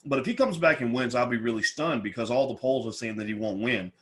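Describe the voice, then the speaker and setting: Man, livestream host, mid-pitched voice, casual Q&A, blunt, opinionated, swears casually, slightly impeded mouth-full articulation. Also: expressive, quick pace, a bit bright, a little hiss or hum. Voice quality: slightly impeded speech from dental work in the mouth.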